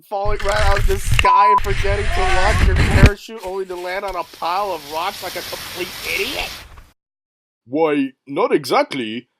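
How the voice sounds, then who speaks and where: A dopey, cheerful cartoon dog, put on by a man rambles through tall tales. The voice sits high and the delivery is slow and loose. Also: big pitch swings, very noisy, full character voice. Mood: rambling.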